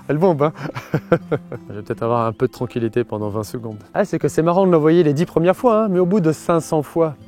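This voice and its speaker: A man with a fairly high voice coaches on self-assertion outdoors and throws a stick to his dog. He is chatty, laughs often and explains calmly, with faint music underneath. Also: quick pace, few pauses. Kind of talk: coaching lesson mixed with playing with his dog.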